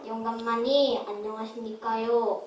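Woman as a meek, pious beggar man, high voice. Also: flat delivery, moderate pace, a little mellow, lightly acted. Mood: meek, pleading. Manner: pleading, meek, earnest, declamatory. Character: humble, sickly, pious starving beggar man. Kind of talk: children's hand puppet play acting. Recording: roomy, distant miking with background hiss.

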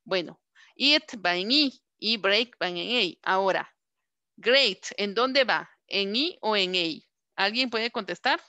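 Bright, slow-paced woman teacher. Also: medium pitch, expressive, no room sound. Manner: slow, drawn-out word modelling and repeated questions. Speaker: English teacher. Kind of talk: online class instruction.

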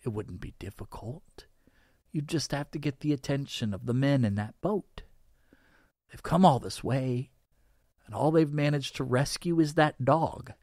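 A man voicing a twisted Santa Claus spirit guide who asks slow, pressing questions. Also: medium pitch, a little mellow, dry recording, clean studio sound. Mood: calm.

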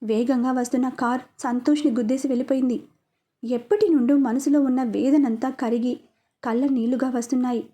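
A woman telling a first-person story in a scripted, emotive style. Her voice is high and mellow, with a steady storytelling pace. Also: fairly quick.

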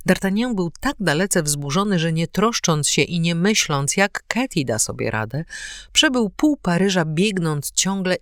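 Expressive woman audiobook narrator. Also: on the low side, no room sound, studio quality. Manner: expressive storytelling. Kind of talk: audiobook reading of a classic novel.

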